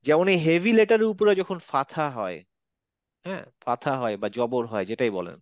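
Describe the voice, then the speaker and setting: A man's voice: medium pitch, very animated, moderate pace, no echo, highs cut off. A man teaching a Quran recitation class online, explaining and repeating letter sounds patiently, mixing English words into his talk.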